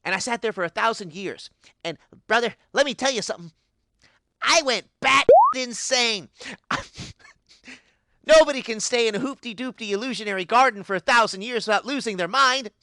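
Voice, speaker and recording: A tabletop game player voicing a gleeful, unhinged ancient pixie who became a god, cackling and swinging wildly between highs and lows. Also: moderate pace, pushed and bright, no echo. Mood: manic glee.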